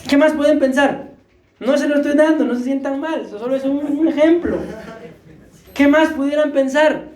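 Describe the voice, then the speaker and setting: Breathless pastor, high voice. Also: male voice, moderate pace, darkish tone, roomy sound. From Costa Rica. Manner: conversational, jokey preaching with questions to the congregation. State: short of breath. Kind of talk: sermon. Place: church hall.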